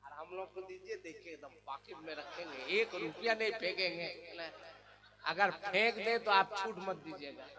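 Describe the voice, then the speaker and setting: A man's voice: high-pitched, moderate pace. A man preaching a religious sermon at a large gathering. He sings verses in a ringing chant and then drops into joking asides. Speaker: qari and preacher. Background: crowd.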